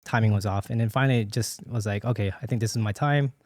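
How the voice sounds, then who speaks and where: A man's voice: fairly low pitch, steady tone, fast talker, a little mellow, no room sound. Chatty man in his late thirties. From Philippines, raised in Hawaii. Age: late 30s. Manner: loose and chatty, full of "you know" fillers and restarts, laughs often. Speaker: guest. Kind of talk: casual conversational interview.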